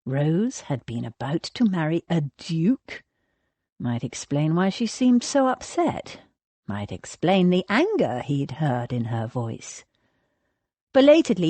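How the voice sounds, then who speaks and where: A woman narrating a historical romance audiobook in an expressive storytelling manner. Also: low voice, husky, no room sound.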